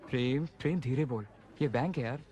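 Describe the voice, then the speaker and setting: An actor playing a bank officer friend who tries to calm and hush a shouting pal in a film scene. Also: male voice, medium pitch, fairly quick, natural voice. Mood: placating. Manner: soothing, hushed, trying to calm someone. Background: film score music.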